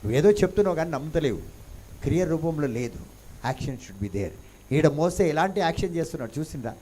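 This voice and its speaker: A man preaching a sermon, firing rhetorical questions and swinging between hushed and loud delivery, mixing in English phrases. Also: on the high side, animated, brisk, slightly rough. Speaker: pastor.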